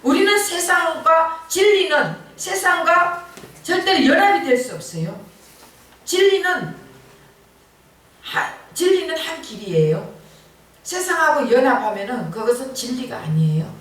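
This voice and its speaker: Woman pastor, middle-aged, high voice, conversational sermon with emphatic peaks; distant mic in a very reverberant sanctuary. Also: very animated, unhurried, a bit bright. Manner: earnest conversational preaching, rising emphatic bursts. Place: church sanctuary at a Friday night service. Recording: very echoey church hall from far off.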